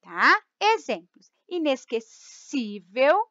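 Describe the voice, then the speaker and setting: Brazilian woman teacher, high and animated, dry lo-fi sound, drills rules patiently. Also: dry recording. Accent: Brazilian Portuguese. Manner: explains slowly, repeats rules, stretches key words; keeps checking in with "tá?" and "ó". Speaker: Portuguese teacher. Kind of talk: grammar lesson.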